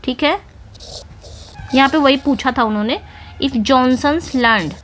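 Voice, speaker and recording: A woman teaching English literature for an exam, explaining in Hindi and reading the English questions out slowly. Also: high-pitched, fairly bright tone, a little hiss or hum. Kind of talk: exam-prep lecture.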